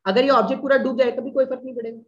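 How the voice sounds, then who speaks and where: A man's voice: very high voice, fairly even intonation, very fast, fairly bright tone. A man teaching a class in a casual way, often checking whether the students follow. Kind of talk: classroom lecture. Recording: dull lo-fi recording.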